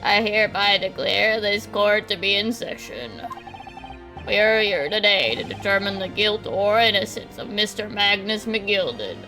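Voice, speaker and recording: A woman's voice: medium pitch, lively intonation, a little slow, bright, forceful tone, rough recording. A woman voicing a stern, pompous elderly male British judge, reading game lines on a livestream, with faint music behind. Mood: stern, formal. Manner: formal, pompous.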